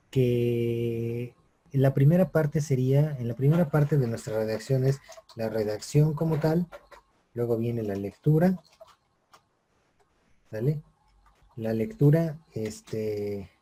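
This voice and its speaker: A male teacher leads an online lesson. His voice is very dark and somewhat husky, and he checks in often with his students. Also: mid-range voice. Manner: explanatory, checks in with "¿no?" and "¿sale?". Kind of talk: online class lecture.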